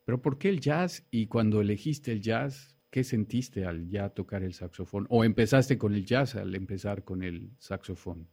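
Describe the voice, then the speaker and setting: A man hosting a radio interview, effusive with praise and quick to add follow-up questions. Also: lowish voice, dark tone. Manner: effusive, complimentary, talks over the guest with follow-up questions. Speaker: interview host.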